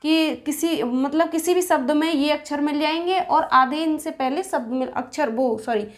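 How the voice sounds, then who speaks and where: A woman's voice: high-pitched, moderate pace. A woman teaching a grammar lesson, patiently repeating and rephrasing each point.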